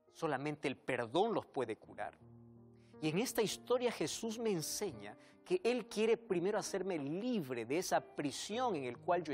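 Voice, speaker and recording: An earnest male preacher giving a devotional sermon, telling stories and speaking directly to the listener. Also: on the high side.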